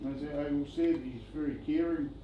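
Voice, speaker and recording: A man giving a eulogy for his brother-in-law, telling relaxed, joking stories at a funeral. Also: on the high side, normal speed, highs cut off. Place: function venue. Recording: echoey venue with background noise.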